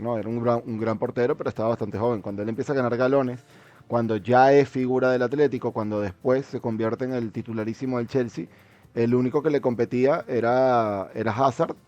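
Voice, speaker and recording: A man's voice: mid-range voice, steady tone, fairly quick, a little mellow, no room sound, lo-fi sound. A man in a casual football discussion, speaking as a commentator in a hesitant way, often repeating words mid-sentence.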